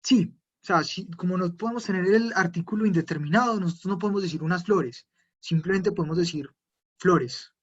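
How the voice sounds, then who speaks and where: A man's voice: high-pitched, fairly quick, slightly rough, lo-fi sound. A man teaching German in a live online class, explaining patiently and answering viewers' questions. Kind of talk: live online language lesson.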